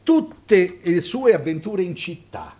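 Male storyteller, animated reading, somewhat high voice. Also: slow. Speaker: reader and guest storyteller. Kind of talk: reading a short story aloud on a web show.

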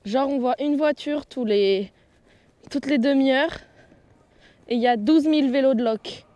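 A giggly, nervous young woman, a freestyle skier, chats in a vlog while walking around a city and a ski venue outdoors, holding an action camera at arm's length. Her voice is high and warm, her pace measured, and there's no echo.

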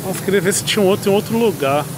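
A man with a Brazilian accent and a slightly high voice vlogs casually about cars. He thinks aloud in an informal way, in and around parked vehicles, with clear ambient noise behind him. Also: rapid-fire. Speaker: car reviewer. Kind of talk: casual car vlog.

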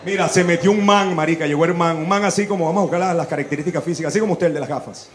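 A Venezuelan man doing stand-up comedy, telling a crude story in an animated way and acting out the people in it. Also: a little high, racing, a faint crowd. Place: live comedy venue with audience.

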